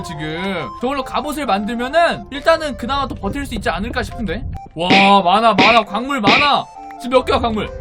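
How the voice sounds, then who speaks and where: A gaming creator giving let's-play commentary, excitable, yelping and shouting when startled and talking straight to viewers. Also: medium pitch.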